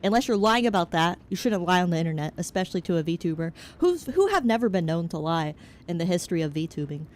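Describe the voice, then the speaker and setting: A chatty young woman with a slightly low voice talks casually to her stream chat. She rambles from topic to topic, frank and joking. A faint hiss sits under her voice. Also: sing-song, fast. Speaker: VTuber streamer. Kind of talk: casual chat, answering chat while gaming.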